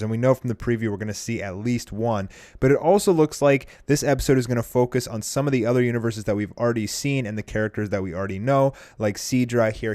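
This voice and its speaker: A young man hosts a casual anime preview commentary in an average-pitched voice. He talks informally and with a fan's enthusiasm, recorded close and dry with little room sound. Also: darkish tone, no room sound. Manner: enthusiastic, informal fan talk. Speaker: host of an anime review channel.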